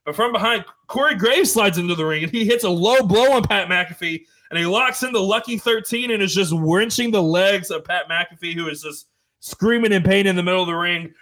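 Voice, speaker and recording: An excitable man calls the action of a wrestling video game play by play. His voice sits a little high, and he trips over fillers and corrects himself as he goes. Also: fairly quick, poor audio. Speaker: commentator.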